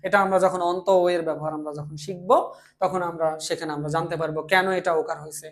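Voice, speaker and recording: A young man from Bangladesh delivers a classroom language lesson in a fast, fairly even, higher-pitched voice. He explains things step by step, repeats himself often, and answers his own questions.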